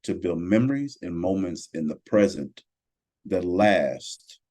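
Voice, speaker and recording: Man, 40s, very deep mellow voice, earnest and reflective, measured podcast talk. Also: animated. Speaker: podcast co-host.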